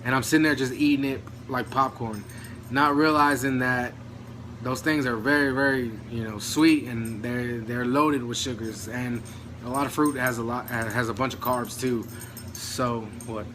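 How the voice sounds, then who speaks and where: A man's voice: mid-range voice, fairly even intonation, moderate pace, background noise. Rambling man, short of breath. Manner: loose, rambling, full of "you know" and mild swearing. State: out of breath, dry throat. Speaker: vlogger on diet and nutrition. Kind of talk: casual rambling talk to camera.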